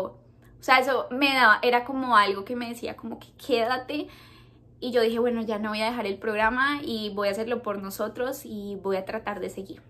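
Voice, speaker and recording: A young Colombian woman telling a personal story to her camera, halting and repeating herself, close to tears. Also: mid-range voice, bright, forceful tone. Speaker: vlogger.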